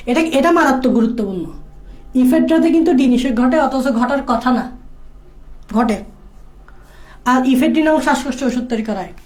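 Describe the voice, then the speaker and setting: A woman tutoring biology for exams in a casual lecture, repeating key points and checking that students follow. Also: high voice. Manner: repetitive, drilling key points. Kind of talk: exam-prep lecture.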